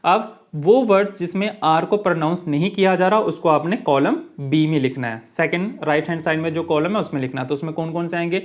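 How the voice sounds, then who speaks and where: A male teacher giving a lesson, reading English lines slowly and explaining them in with fillers. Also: a little high. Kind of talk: online classroom lesson.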